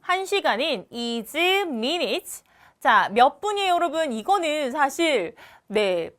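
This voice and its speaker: Lively high-voiced woman teaching English. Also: slow. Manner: patient, explains step by step, repeats words for pronunciation. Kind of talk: recorded exam walkthrough lesson.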